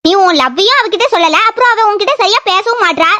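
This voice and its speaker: A woman doing a fast, shrill pushy friend. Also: sharp tone. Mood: urging. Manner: urging, bossy, fast-talking. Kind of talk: amateur audio drama acting.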